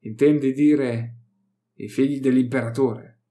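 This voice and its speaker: A man's voice: mid-range voice, fairly even intonation, measured pace, dark tone, close to an everyday voice. A man voicing a worried, stern male inquisitor companion who speaks tensely and stammers at times.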